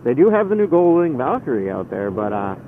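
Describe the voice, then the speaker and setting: A man's voice: medium pitch, sing-song, brisk, phone-quality sound. A man chatting casually and hesitantly from inside a motorcycle helmet, rambling like a motovlogger as he rides. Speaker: motorcycle vlogger. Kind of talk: casual motovlog chat while riding. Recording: band-limited helmet mic, engine and road noise. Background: vehicle noise.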